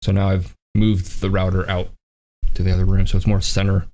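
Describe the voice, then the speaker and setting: A man's voice: sits low, completely flat delivery, a little fast, darkish tone, slight background noise. A man hosting a live tech chat show, talking casually and teasing his co-host in joking banter.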